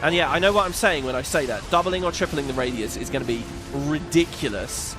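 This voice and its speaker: Here a man with a fairly high-pitched voice speaks fairly quickly while streaming a game. He offers loose, opinionated remarks peppered with swearing as game music plays underneath.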